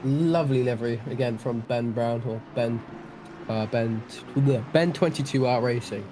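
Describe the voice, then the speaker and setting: A man's voice: medium pitch, moderate pace, noisy background. A young Welshman with a Welsh accent giving chatty, self-deprecating live-stream commentary on a sim race, often restarting his sentences. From Wales.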